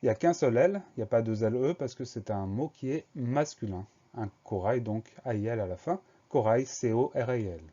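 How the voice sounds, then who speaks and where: A man teaching a spelling lesson for young schoolchildren, going slowly and spelling each word letter by letter. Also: medium pitch, warm tone, lo-fi sound. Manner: slow, spells words letter by letter.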